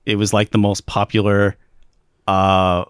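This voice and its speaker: A man's voice: fairly low pitch, completely flat delivery, measured pace, clear, resonant tone, no echo, clean studio sound. A man co-hosting a live stream, chatting casually in rambling, joking rants full of fillers. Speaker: stream co-host. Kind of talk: casual chat.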